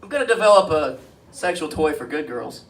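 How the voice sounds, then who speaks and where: A man doing a stand-up comedy set with deadpan one-liners and crude jokes, on a comedy club stage. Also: on the high side, brisk. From Springfield, US. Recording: live club mic heard from a distance, light noise.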